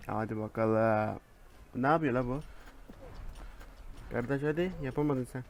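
Excitable young man talking through a game. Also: medium pitch, a little slow, slight background noise. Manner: excitable, talks to himself, bursts into loud shouts. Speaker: gameplay commentator. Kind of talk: casual gaming commentary.

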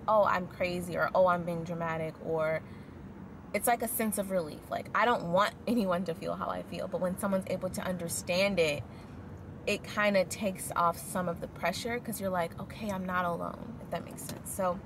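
Young woman vlogging while driving, road noise. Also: fairly low pitch. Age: young adult. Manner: reflective, candid, talks with her hands while driving. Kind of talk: casual car rant. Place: inside a car in traffic. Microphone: camera mounted on the dashboard. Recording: loud car and road noise.

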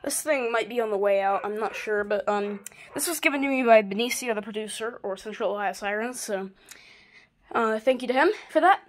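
In a small carpeted bedroom, a hobbyist video maker with a mid-range voice gives a casual show-and-tell of a collection. The talk is halting and offhand, recorded on a handheld phone or camera that moves around.

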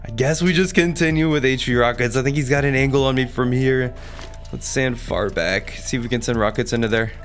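A man's voice: medium pitch, brisk. Male gamer, mid-range voice, informal running commentary with slangy exclamations, faint music underneath. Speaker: gaming video creator narrating his play. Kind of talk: casual gameplay commentary, thinking aloud.

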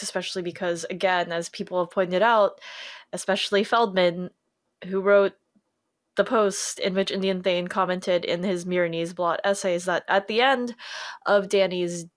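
A woman co-hosting a fan podcast in casual chat, lively and enthusiastic, often correcting herself. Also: medium pitch, moderate pace. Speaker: podcast co-host.

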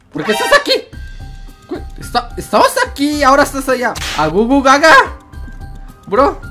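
Young male gamer, high-voiced, jumpy comic fear, game music underneath. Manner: jittery, jokey, feigning fright, slangy. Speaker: gaming YouTuber. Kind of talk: horror game commentary.

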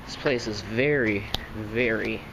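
Speaking at a measured pace in a lowish voice, this man is a vlogger exploring a closed store from the outside. He thinks aloud in casual walkaround commentary near an empty store and parking lot, amazed by little things, while outdoor noise and traffic run under his voice.

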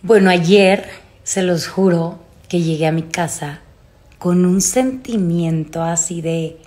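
A Mexican woman in her thirties speaks in a slightly low voice. She confides in her followers in casual, emotional, halting talk, recorded on a phone held at arm's length in a room at home. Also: darkish tone. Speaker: vlogger. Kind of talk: casual confessional chat to followers. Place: small room at home, indoors.

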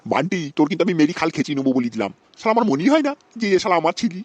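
A man voices a crude, hot-tempered father in a comic Bengali cartoon, angrily cursing at his son and threatening him. His slightly high voice is sing-song and racing, lightly acted, with lo-fi sound and no room sound.

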